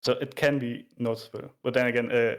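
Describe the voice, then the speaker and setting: A man explaining things informally in a casual chat, in a somewhat halting, hesitant way. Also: medium pitch, little pitch movement. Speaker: explainer of video game graphics.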